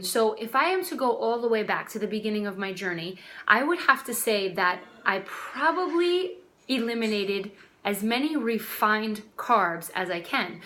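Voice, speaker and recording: A woman in her twenties, a health coach, talks to the camera from her dining room in a chatty, direct way, calling viewers "guys." Her voice is mid-range with a fairly bright tone.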